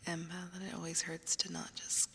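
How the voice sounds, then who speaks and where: A woman whispering softly into the listener's ear as an ASMR livestream host, chatting casually on a close binaural microphone. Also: lowish voice, completely flat delivery, moderate pace, gravelly, a little hiss or hum. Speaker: livestream host, ASMR content creator and voice actor.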